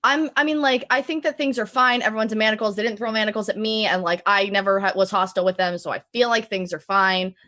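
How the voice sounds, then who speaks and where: A woman's voice: medium pitch, steady tone, quick pace, hardly any pauses, bright, forceful tone. A woman hosting and playing a tabletop game, chatty and playful. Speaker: player and show host. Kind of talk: casual tabletop game play.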